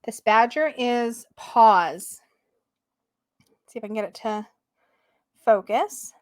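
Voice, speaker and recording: A woman chatting casually as she flips through a tarot deck, gushing and excitable, sometimes dropping to soft murmurs. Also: a little high, takes it slowly, no room sound, studio quality.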